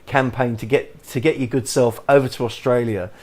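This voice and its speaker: A man's voice: mid-range voice, fairly even intonation. English guy hosting a podcast, mid voice, keeps restarting his sentences. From England. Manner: halting, many restarts and fillers, chuckles often. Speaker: podcast host. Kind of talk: podcast interview.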